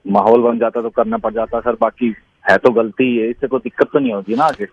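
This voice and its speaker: A man's voice: medium pitch, very animated, brisk, vocal fry, slightly rough, no room sound. Exasperated man on a muffled phone line. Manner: exasperated and bewildered. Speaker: prank call victim.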